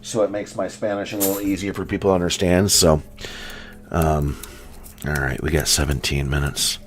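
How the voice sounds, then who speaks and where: This coin hunting streamer from the United States talks casually and at length to viewers in a low, fairly even voice at a moderate pace. His General American speech wanders and is packed with ums and likes, with slight background noise.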